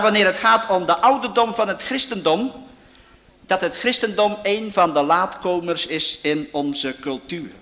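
A man's voice: high-pitched, bright, forceful tone, in a large hall. A man preaching a sermon in an earnest manner, reading passages aloud with rising emphasis.

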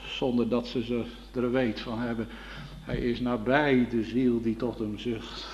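Man preaching slow and solemn, swells up loud on the big lines, kinda dull lo-fi church tape. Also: mid-range voice. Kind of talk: sermon.

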